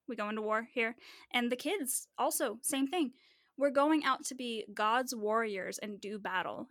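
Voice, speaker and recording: A woman co-hosting a podcast in casual chat, animated and swearing freely. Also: a little high, no echo, clean studio sound. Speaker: podcast co-host.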